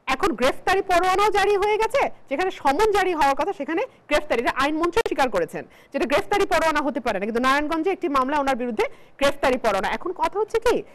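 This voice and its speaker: A woman from Bangladesh argues as a barrister on a political TV panel. She speaks high, with wide, lively swings of pitch. She builds each point with emphasis. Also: very fast, rough recording. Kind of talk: televised political debate.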